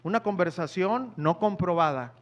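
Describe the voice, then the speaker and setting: A man's voice: high voice, normal speed, dull audio. A man preaching a sermon in church, talking conversationally and asking the congregation questions.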